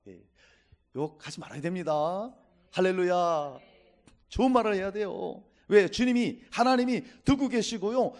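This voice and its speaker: A man's voice: sits high, a little mellow. A middle-aged male pastor giving a Sunday sermon, reading scripture and acting out quotes as he preaches.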